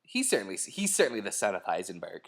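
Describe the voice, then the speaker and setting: A man's voice: on the low side, sing-song, fast talker. A young man co-hosting a casual commentary chat about a TV episode, joking around and trying out mock impressions. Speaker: podcast co-host.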